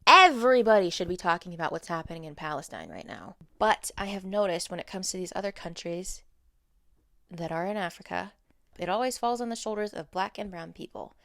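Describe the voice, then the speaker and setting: A woman's voice: lowish voice, lively intonation, a little fast, gravelly, a bit bright, no echo. Blunt American woman, dry close sound. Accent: standard American. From United States. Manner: blunt, emphatic, casually profane. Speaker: social media content creator. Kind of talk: informal advocacy vlog, reading notes aloud with candid asides.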